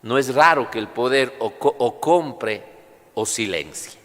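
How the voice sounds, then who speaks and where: A male priest's voice rings through a long, cathedral-like church echo. His pitch sits in the middle as he proclaims and preaches at Mass. The delivery is solemn, deliberate and instructive. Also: expressive, fairly bright tone. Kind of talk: liturgical proclamation and homily. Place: large reverberant church during livestreamed Mass.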